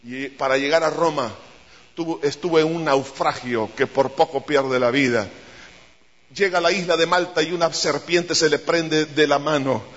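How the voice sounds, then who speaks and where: A male pastor delivers a fervent sermon and keeps addressing his listeners as brother. His voice is high and bright. The sound is dull and muffled, with a long reverb. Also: moderate pace.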